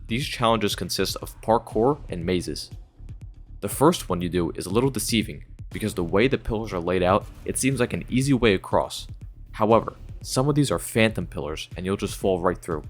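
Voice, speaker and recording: A man's voice: on the low side, animated, moderate pace, faint music behind. A man hosting a gaming video, reading scripted retrospective narration in a casual, enthusiastic way.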